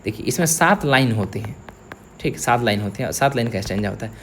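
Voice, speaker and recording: A man's voice: mid-range voice, lively intonation, fast talker, fairly bright tone, slight background noise. A young man, teaching an exam-prep literature lecture and checking in often with his students. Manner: explains step by step, checks in with "theek hai".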